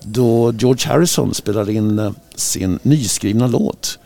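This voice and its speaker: A man co-hosting a casual radio chat show, speaking in a husky, gravelly voice and telling music trivia as a relaxed storyteller. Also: fairly low pitch. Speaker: radio co-host.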